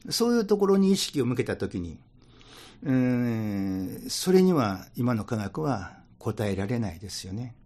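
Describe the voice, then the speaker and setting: Kansai man, relaxed storyteller, mid-pitched, rambling musing delivery. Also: a little slow. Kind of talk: conversational talk.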